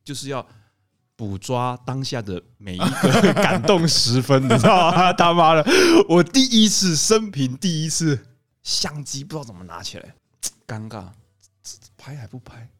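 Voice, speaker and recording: Man, thirties, casual podcast storytelling, laughs often, fairly high voice. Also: lively intonation, moderate pace, a bit bright. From Taiwan. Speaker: podcast co-host, wedding photographer.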